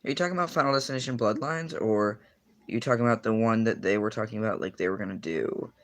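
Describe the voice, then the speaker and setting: A teenage boy with a fairly low voice talks fast in casual livestream chat. As a streamer answering viewers, he rambles with lots of fillers and self-corrections.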